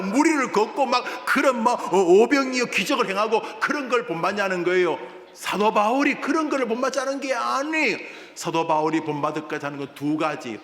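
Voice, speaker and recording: A man who is a senior pastor, preaching a sermon in an animated way, swinging from loud to hushed. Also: high-pitched. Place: church sanctuary. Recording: echoey church hall with room noise.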